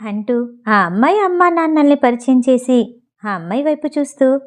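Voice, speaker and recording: A woman's voice: high voice, animated, moderate pace. A woman reading a novel aloud as an audiobook narrator, voicing the characters in her own voice.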